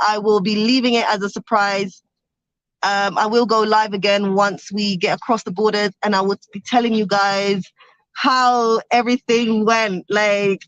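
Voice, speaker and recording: Riding in a car on a road trip, a young adult vlogger chats on a livestream and reads out comments from viewers. She speaks in a mid-range voice, the recording is muffled, and there's no room sound.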